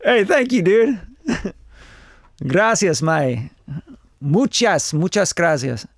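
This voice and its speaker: A Costa Rican man in his forties reviews songs live, his high-pitched voice slow and sing-song. The studio-quality audio has no room sound, and his casual stream talk is blunt, rambling and peppered with swearing.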